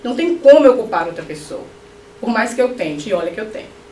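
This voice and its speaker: A middle-aged woman with a high voice gives an animated spiritist lecture, throwing joking asides to her audience. She sounds set back from the mic in a roomy hall, with a faint hum of ambience. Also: fast. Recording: echoey hall, mic at a distance.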